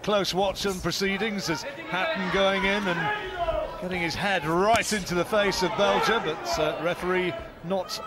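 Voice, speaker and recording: Male play-by-play caller, higher pitch, loud arena crowd roaring behind. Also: lively intonation. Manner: measured play-by-play with fight facts. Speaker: boxing commentator. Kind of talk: live boxing commentary. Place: ringside at an indoor boxing arena.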